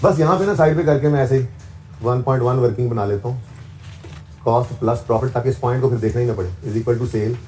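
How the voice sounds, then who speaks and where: Mellow-voiced male accounting teacher in class. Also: mid-range voice, brisk. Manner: explains step by step, often checks with "theek hai na"; switches into English for accounting terms. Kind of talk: classroom lecture.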